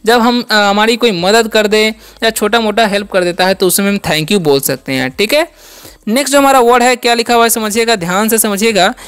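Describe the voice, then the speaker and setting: A patient English teacher who spells out short words letter by letter. Each point is repeated, and the teacher asks a question and answers it right away. The voice is smooth and clear, in the middle of the pitch range. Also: brisk, a bit bright. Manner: repeats each word for drilling. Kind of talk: step-by-step spelling and pronunciation lesson.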